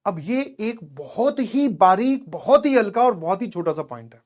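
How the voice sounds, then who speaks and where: A man's voice: high voice, sing-song, normal speed, a little mellow. A man teaching and motivating students in a casual storytelling way, often checking in with his listeners and mixing in English words. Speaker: coaching teacher.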